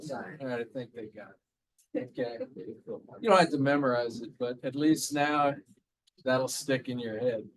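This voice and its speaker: A man's voice: medium pitch, rough recording. A man teaching a math class, talking casually and quizzing students with repeated prompts. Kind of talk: classroom lecture.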